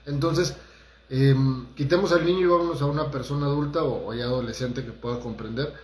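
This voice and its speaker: A man's voice: mid-range voice, fairly even intonation, a little fast, a little mellow, echoey room, slight background noise. Man giving a motivational talk. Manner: conversational, addresses listeners directly, acts out quotes. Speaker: holistic therapist.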